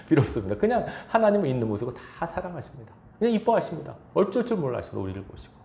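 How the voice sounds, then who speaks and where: A man's voice: fairly high pitch, big pitch swings, very fast, vocal fry, dark tone, reverberant, a little hiss or hum. A man pastor preaching a sermon in a church, chuckling now and then and acting out quoted lines. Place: church sanctuary.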